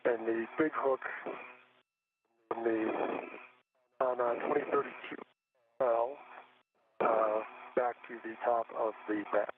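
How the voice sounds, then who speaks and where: A man's voice: mid-range voice, flat delivery, slow pace, long pauses. Man on a crackly spacecraft radio loop. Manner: clipped, procedural readbacks. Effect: crackly spacecraft radio comm loop. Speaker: astronaut on a spacewalk. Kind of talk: terse radio callouts. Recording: tinny radio link with faint static.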